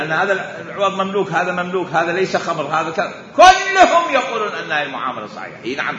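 A man lectures on Islamic jurisprudence in a lively, bright voice, raising rhetorical questions and coming back to the same point again and again. He is recorded in a large echoing hall, and the sound is dull and lo-fi. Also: on the high side, slight background noise. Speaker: religious scholar teaching jurisprudence.

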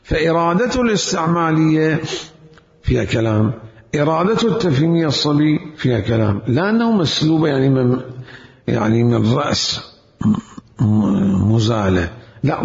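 A man delivers a jurisprudence lecture, repeating his key terms and posing questions to his students. His voice has a gravelly fry to it. The recording is dull and lo-fi, with a long echo from a large hall. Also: mid-range voice, darkish tone. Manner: lecturing with rhetorical questions and emphatic repetition. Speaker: seminary teacher. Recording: echoey hall, dull lo-fi sound.

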